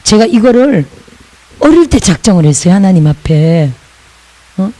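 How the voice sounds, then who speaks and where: A woman's voice: medium pitch, sing-song, moderate pace, mellow, slight background noise, poor audio. A woman pastor from Busan, preaching a sermon in a chatty way with laughing asides and call-and-repeat lines.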